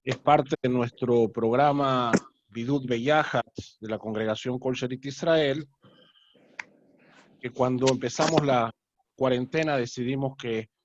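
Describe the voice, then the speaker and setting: A rabbi hosting a casual video-call interview, talking in an unhurried, friendly way with frequent filler sounds. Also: male voice, mid-range voice, steady tone, a little hiss or hum. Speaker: rabbi and host. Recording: dull lo-fi call audio.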